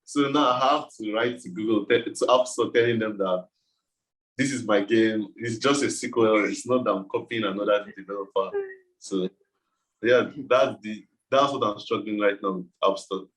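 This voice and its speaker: Man, West African accent, lowish pitch, casual interviewee, loose informal explanations. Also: normal speed, fairly bright tone, low-quality recording. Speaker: game developer being interviewed.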